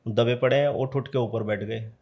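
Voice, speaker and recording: A man with a mid-pitched voice tells a true horror story as a podcast guest. His telling is casual and lively, and he acts out each voice in the dialogue. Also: normal speed. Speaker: tantric practitioner, podcast guest.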